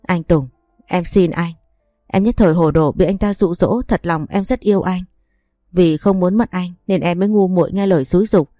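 A woman's voice: fairly low pitch, normal speed, warm tone, dry recording, soft background music, lightly acted. A woman reading the lines of a tearful young wife begging her husband. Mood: pleading. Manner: begging, sobbing.

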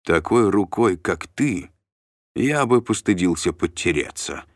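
A man's voice: sits low, animated, measured pace, no echo. A man voicing a fearless male warrior who speaks curtly and coldly with dry mockery, in an audiobook reading. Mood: cold, mocking. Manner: cool, curt, dryly mocking.

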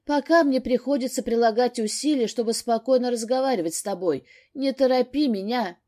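A woman's voice: on the high side, a little fast, warm tone, pitched above the performer's own voice, lightly acted. A woman voicing a hurt young wife who speaks strained and near tears in an audiobook. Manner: strained, exclaiming.

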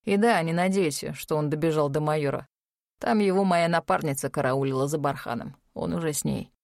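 A woman reading an audiobook voices a cold, sneering male criminal who mutters low threats. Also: fairly quick, gravelly, darkish tone, no room sound, studio quality. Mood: menacing.

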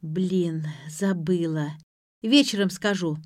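A woman voicing a blunt, rude young woman with loud, rough colloquial speech in an audiobook. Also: on the low side, takes it slowly, dry recording, clean studio sound. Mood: brash.

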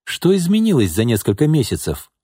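A man voicing a drunken, pushy middle-aged businessman in an audiobook, needling, bitter and rising into angry shouts. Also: medium pitch, wildly swooping pitch, brisk, breathy edge, no echo, studio quality, pitched above the performer's own voice. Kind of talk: audiobook character reading.

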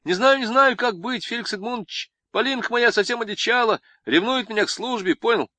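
Man voicing a nervous young chekist, high voice, rushing, swallowing words. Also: bright, forceful tone, no room sound. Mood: flustered. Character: flustered young Cheka guard, hurried and nervous.

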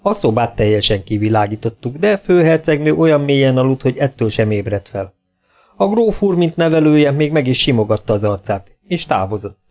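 A man's voice: medium pitch, natural voice. Man voicing an affable chief physician. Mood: explaining. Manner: calm and courteous, easy smile.

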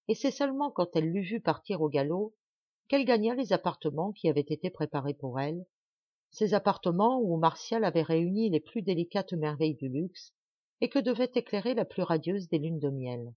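Woman narrator, audiobook reading, measured, dull dry recording. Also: fairly low pitch, no room sound. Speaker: audiobook reader.

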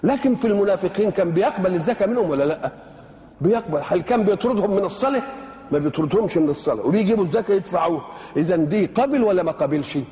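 Older male Egyptian exegete, fast colloquial delivery, quizzes then answers himself. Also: sits high, expressive, mellow, big-room sound. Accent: Egyptian Arabic. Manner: rhetorical questions answered himself, colloquial asides. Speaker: Quranic exegete. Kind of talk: religious lecture.

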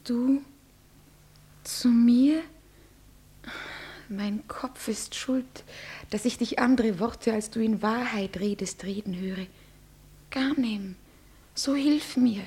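An actress playing a frightened young bride who pleads in a breathy, often whispered voice, in a classic radio play. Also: female voice, a little high, slow pace, long pauses, warm tone, exaggerated voice. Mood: despairing. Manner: pleading, trembling.

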